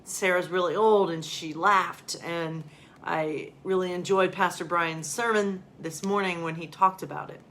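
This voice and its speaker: Speaking at a measured pace in a lowish, fairly bright voice with fairly even intonation, a woman pastor casually chats with her listeners as if they were friends. Her talk rambles a bit and includes reading children's bedtime stories.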